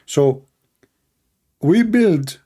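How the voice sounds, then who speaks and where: Sarcastic man, mellow voice. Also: a little high, expressive, extremely slow. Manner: mocking, sarcastic. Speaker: video host. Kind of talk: comedic commentary.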